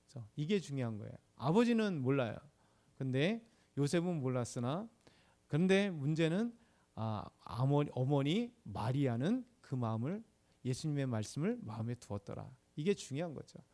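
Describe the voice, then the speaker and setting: A man's voice: medium pitch, sing-song, normal speed, dark tone. A middle-aged male pastor giving a sermon in a conversational way, often asking the congregation short questions.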